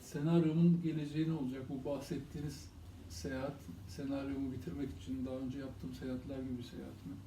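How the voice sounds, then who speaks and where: A man's voice: mid-range voice, level tone, fast talker, hardly any pauses. A man who is a native Turkish speaker, asking questions as an audience member. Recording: distant from mic, echoey room, faint noise.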